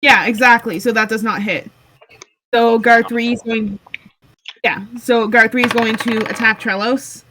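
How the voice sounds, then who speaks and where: A woman running a tabletop game as game master, relaxed and unhurried, with frequent ums. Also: on the high side, background noise.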